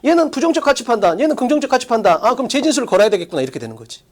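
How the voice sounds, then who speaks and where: Lively online English teacher. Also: medium pitch. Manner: coaching with quick rhetorical questions to students; casual plain-speech classroom talk. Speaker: English exam-prep teacher. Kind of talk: online lecture.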